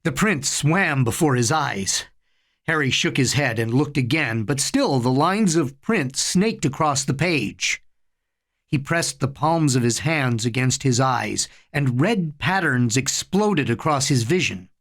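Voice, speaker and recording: A man reading a story aloud in a slow, measured narration. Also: mid-range voice, expressive. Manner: slow, measured reading with soft voiced dialogue.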